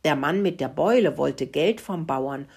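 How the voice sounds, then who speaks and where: A woman's voice: sits low, lively intonation, unhurried, creaky, a little mellow, breathy edge, heavily acted. A woman voicing a bossy little female mouse who lectures in a storybook reading. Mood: lecturing. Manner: lecturing, explaining.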